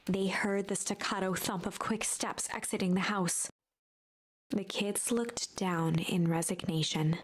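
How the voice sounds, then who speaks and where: A storybook game narrator. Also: female voice, medium pitch, fairly even intonation, husky. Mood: measured. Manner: measured, storybook telling.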